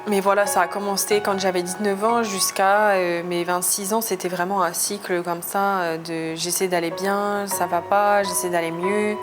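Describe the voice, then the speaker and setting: A woman's voice: medium pitch, flat delivery, normal speed, hardly any pauses. Hesitant woman giving personal testimony over music. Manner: hesitant, searching for words. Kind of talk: personal testimony to camera, confessional storytelling. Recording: music behind the voice. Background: clearly audible music.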